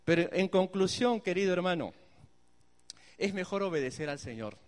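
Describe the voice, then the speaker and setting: A man's voice: high voice, moderate pace, in a large hall. A man preaching a sermon as pastor, emphatic and speaking straight to the congregation. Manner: animated, emphatic, addresses the congregation directly.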